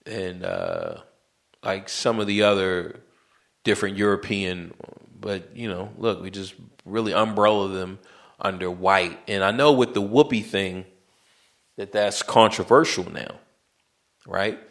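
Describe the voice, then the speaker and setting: With a low, expressive voice, a little slow and touched by vocal fry, this US podcast host rambles casually on his own, piling on fillers, slang and restarts.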